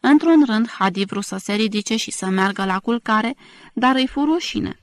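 Measured woman narrating a novel. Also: a little high, lively intonation, no echo. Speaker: audiobook narrator. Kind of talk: scripted literary narration.

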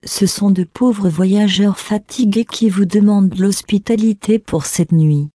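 A woman reading the part of a humble, weary male saint, in a calm and gentle way. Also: mid-range voice, a little slow, no echo, close to an everyday voice.

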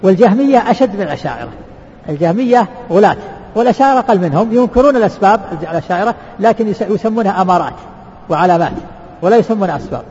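Sheikh lecturing, very fast, dull muffled recording in a mosque hall with long echo. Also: male voice, high-pitched, lively intonation, darkish tone. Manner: asks rhetorical questions and answers them, repeats words. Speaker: sheikh teaching a book. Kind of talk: lecture explaining a religious text. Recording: reverberant hall, dull lo-fi sound.

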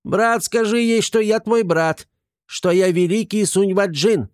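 A shrill whiny little creature. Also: male voice, measured pace, clean tone, no room sound, studio quality. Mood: pleading. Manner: shrill, pleading. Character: small whiny male gremlin-like creature, cowardly.

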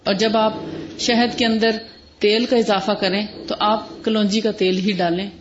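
A woman's voice: medium pitch, level tone. A woman giving an explanatory lecture on herbal remedies, mixing many English words into her speech and listing terms one by one. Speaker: lecturer on prophetic medicine. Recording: dull lo-fi recording with faint hiss.

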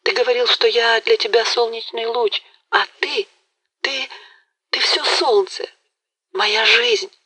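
A woman's voice: mid-range voice, takes it slowly, long pauses, pushed and bright, slightly rough, voice pushed up, heavily acted, poor audio. A woman voicing a tearful, jealous young woman who pleads in a faltering, breathless voice in an audiobook. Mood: pleading. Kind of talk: audiobook character reading.

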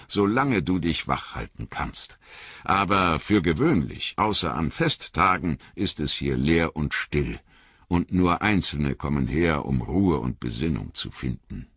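A man's voice: a bass voice, lively intonation, measured pace, fairly bright tone, slightly rough, no room sound, exaggerated voice. A man voicing a wise, grave old wizard in a storybook reading. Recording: slightly muffled dry recording.

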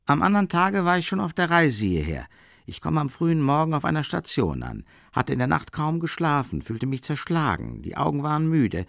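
Guy putting on a chatty worldly middle-aged man, voice pushed higher, gravelly edge, rambling on. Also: huge pitch swings, fairly quick, fairly bright tone, no echo, studio quality, heavily acted. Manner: raised, wondering, chatty voice. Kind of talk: audiobook character reading.

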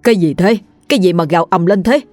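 Cowardly old chief who talks big, a touch low and gruff; a woman reads him. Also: expressive, normal speed, dry recording, faint music behind. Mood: alarmed. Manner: blustering, bossy. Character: blustering old village chief, pompous and cowardly.

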